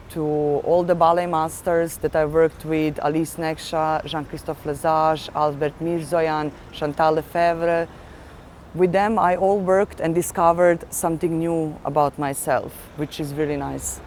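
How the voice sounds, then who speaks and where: A woman's voice: fairly low pitch, darkish tone, slight background noise. A woman in her thirties from Serbia, speaking as a ballet dancer, telling her story in an earnest interview monologue and searching for words with fillers.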